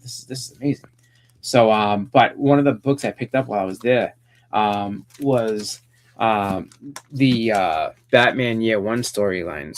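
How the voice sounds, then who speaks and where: Rambling man chatting about comics. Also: fairly low pitch. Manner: rambling, many fillers and restarts. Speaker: live stream host. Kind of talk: casual comics chat.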